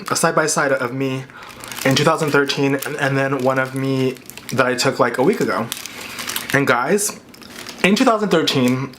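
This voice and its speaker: A man's voice: mid-range voice, a bit bright. A man talks casually and candidly as a vlogger, chewing as he speaks, with "like" peppered through his sentences. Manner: chewing and talking with his mouth full. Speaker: vlogger hosting an eating video. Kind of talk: casual chatty mukbang vlog. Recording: clear background noise, dish clinks and clicks.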